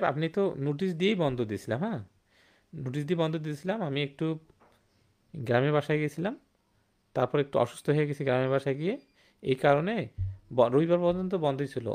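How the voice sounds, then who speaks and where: A man's voice: fairly high pitch, lively intonation, quick pace, darkish tone. A man teaching a grammar lesson online, asking rhetorical questions and repeating key words. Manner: rhetorical questions with "hum?" and "thik na?".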